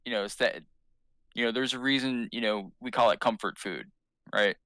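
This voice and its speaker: Male game master for a tabletop role-play, talks in a rambling way with many fillers, bright and crisp on a dry close mic. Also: medium pitch, moderate pace, no room sound. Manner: rambling, hesitant description with fillers.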